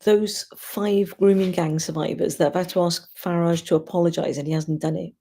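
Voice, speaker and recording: A woman hosting a casual livestream, thinking aloud and giving opinions informally in a husky, gravelly voice. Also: on the low side, steady tone, normal speed, warm tone. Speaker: livestream host. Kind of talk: casual chat to live commenters.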